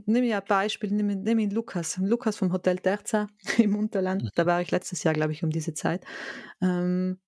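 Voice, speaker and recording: A woman's voice: mid-range voice, steady tone, moderate pace, darkish tone, no room sound, studio quality. A woman in her thirties from South Tyrol with a South Tyrolean German accent, talking as an interview guest, hesitant with many fillers and restarts. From South Tyrol, Italy. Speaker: guest, head of a bike hotel association. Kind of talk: casual interview talk.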